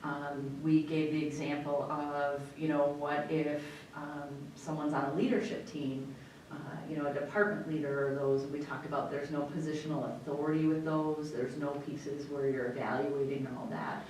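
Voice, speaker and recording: A woman's voice: fairly even intonation, moderate pace, a little mellow. A woman with an American accent giving an explanatory report at a meeting as a school superintendent. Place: indoor meeting room. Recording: echoey room, far mic, faint rumbling noise.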